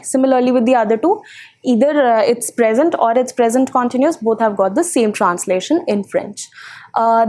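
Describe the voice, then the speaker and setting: Higher-voiced woman teaching French. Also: darkish tone. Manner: explains step by step, many filler ums and uhs. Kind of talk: online language lesson.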